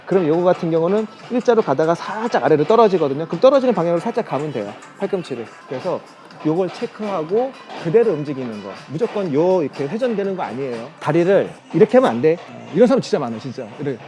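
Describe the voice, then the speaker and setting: A man's voice: fairly high pitch, sing-song, fast talker, mellow, faint music behind. A man working as a fitness coach, explaining gym machines in a casual, chatty way while demonstrating.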